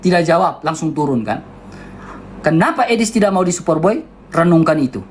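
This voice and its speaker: A man with an eastern Indonesian accent delivering a heated livestream rant in a loud, high-toned, insistent way. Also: expressive, brisk, a little hiss or hum. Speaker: debater on a livestream.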